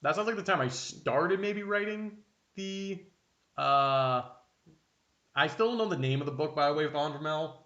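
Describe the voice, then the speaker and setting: A man's voice: fairly high pitch, normal speed, fairly bright tone. A young man from Canada, co-hosting a casual podcast and rambling with many self-interruptions. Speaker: podcast co-host. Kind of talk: casual chat. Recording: dull, roomy home recording.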